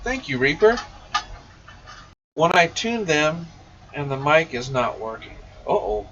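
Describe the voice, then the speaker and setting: An informal, enthusiastic radio shop technician takes questions in a casual live stream chat. He speaks unhurriedly in a fairly high, very animated, fairly bright voice. The sound is muffled and distant, with faint noise.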